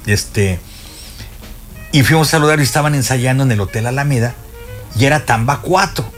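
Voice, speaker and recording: Speaking at a normal pace in a mid-range voice, an older man with a Mexican Spanish accent plays the music expert on a casual radio program. He tells stories from the studio, peppering them with fillers and frequent restarts.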